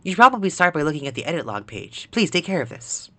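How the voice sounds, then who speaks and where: A man reading game dialogue aloud as a secretive website administrator who asks for help in a hushed, urgent way. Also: on the high side, very animated, quick pace, heavily acted.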